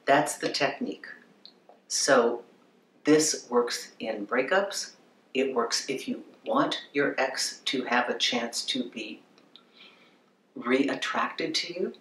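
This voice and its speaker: A man's voice: mid-range voice, slow, a bit bright. A man giving relationship advice as a coach, speaking emphatically and asking himself rhetorical questions. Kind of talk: advice monologue. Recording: roomy with faint background noise.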